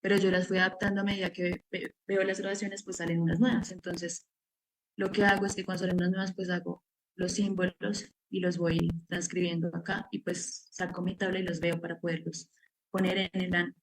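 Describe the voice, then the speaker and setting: A woman's voice: lowish voice, flat delivery, a little fast, rough recording. A woman giving an academic seminar presentation, explaining her research step by step with many filler words. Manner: explanatory, walks through steps with frequent "pues" fillers.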